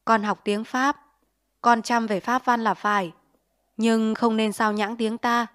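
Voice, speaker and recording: A woman voicing a stern, earnest middle-aged father who lectures his son in grave, measured tones in an audiobook story. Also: on the high side, little pitch movement, fairly bright tone. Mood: earnest lecturing.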